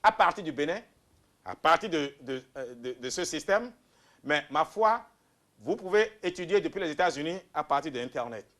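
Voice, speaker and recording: A man's voice: on the high side, lively intonation, normal speed. Emphatic man making his case. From Benin. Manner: emphatic, swings between loud bursts and quiet asides. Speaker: political candidate guest. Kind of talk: interview answers, campaign pitch.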